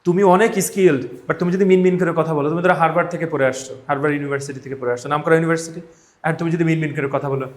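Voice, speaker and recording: Racing along in a slightly high voice with fairly even intonation, a Bangladeshi-accented man teaches a live spoken English class full of drills. He speaks emphatically, repeats phrases, and checks that students are following. It's recorded indoors in an echoey classroom.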